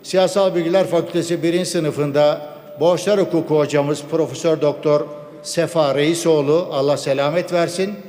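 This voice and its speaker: A man delivering a formal parliamentary speech from a rostrum microphone, measured and stacking up laws, dates and figures. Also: fairly high pitch, fairly even intonation, darkish tone, a little hiss or hum. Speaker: member of parliament. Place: speaking at a parliament rostrum microphone in a large chamber. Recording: long hall reverb.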